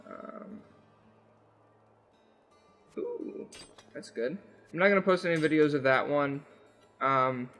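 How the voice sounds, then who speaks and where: Young guy, kinda sick and croaky, chatting over a game he's playing, lots of ums, faint music behind. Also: mid-range voice, fairly bright tone. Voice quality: rough, croaky voice. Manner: rambling, full of ums and uhs. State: sick, under the weather. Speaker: gaming channel host. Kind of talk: casual gameplay commentary.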